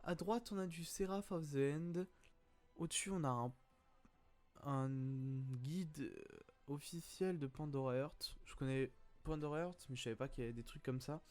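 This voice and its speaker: Higher-voiced young man musing aloud. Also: normal speed, a little mellow. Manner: hesitant, many fillers, thinking aloud. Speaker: YouTuber. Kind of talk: casual commentary on viewers' photos.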